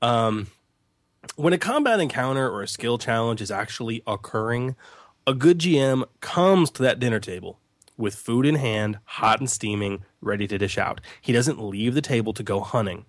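A man co-hosting a casual tabletop gaming chat, telling stories in an animated way with lots of fillers and chuckles. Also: mid-range voice, dry recording. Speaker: podcast co-host.

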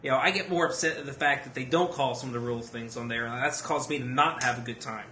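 A man's voice: mid-range voice, fast talker, bright, forceful tone. A young man in casual group chat, hesitant, restarting and questioning the others. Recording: echoey room with faint background noise.

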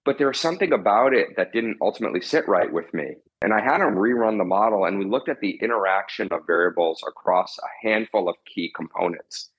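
A man with a husky voice explaining his work as an interview guest, a marketing executive. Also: on the low side, animated, fairly quick, hardly any pauses, a bit bright, muffled recording.

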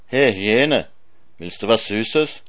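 A man's voice: fairly low pitch, animated, takes it slowly, fairly bright tone. A man voicing a sly, teasing male hare in a storybook reading, coaxing and crafty.

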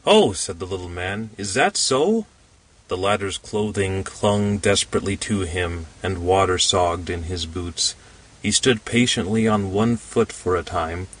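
A man narrating a story aloud in a calm, measured way. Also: low voice, far from the mic, rough recording. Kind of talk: storybook reading.

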